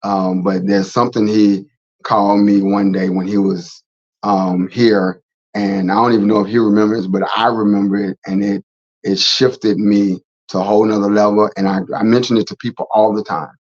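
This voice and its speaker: A middle-aged man with a low voice hosts a casual faith talk show. He rambles, repeats himself and restarts his sentences. The recording sounds slightly dull and lo-fi. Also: little pitch movement, normal speed. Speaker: host.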